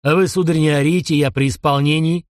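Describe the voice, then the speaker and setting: A man's voice: a little high, lively intonation, a little fast, no room sound, clean studio sound, natural voice. A man voicing a stout, stern village constable who barks questions, in an audiobook. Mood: barking. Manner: barking, interrogating.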